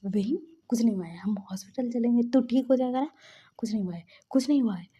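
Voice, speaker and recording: A woman voicing a calm, protective young man who reassures with repeated soothing phrases. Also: on the high side, brisk, breathy edge.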